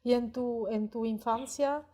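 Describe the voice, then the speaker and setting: A woman asking gentle, friendly interview questions. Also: a little high, fairly even intonation, a little slow. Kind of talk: casual interview.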